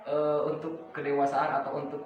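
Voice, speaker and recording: A man's voice: on the high side, monotone, moderate pace, lo-fi sound, over music. A young man, chatting casually and hesitantly with many fillers in a question game among friends. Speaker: participant reading questions. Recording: echoey room, far from mic, faint ambience.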